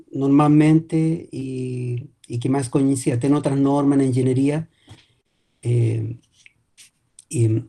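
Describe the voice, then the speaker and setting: His voice is mellow and on the high side. He's a native Spanish speaker from Chile with a Chilean accent, guest lecturing online via video call, and his academic talk is full of hesitations and restarts.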